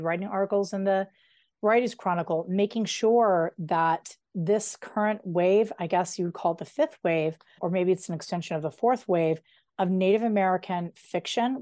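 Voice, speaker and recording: A middle-aged woman novelist, a guest in a casual interview, talking in an animated, digressive way with quick asides. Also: mid-range voice, no echo, clean studio sound.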